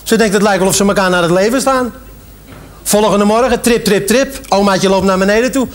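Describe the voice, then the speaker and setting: A man telling jokes in a lively way, dropping his voice low when he plays an old woman. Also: brisk. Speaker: joke teller.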